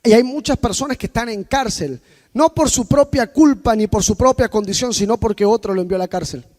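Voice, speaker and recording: A man preaching a sermon, telling personal stories to the congregation and swinging between loud outbursts and quiet asides. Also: high-pitched, brisk. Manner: personal storytelling addressed to the congregation.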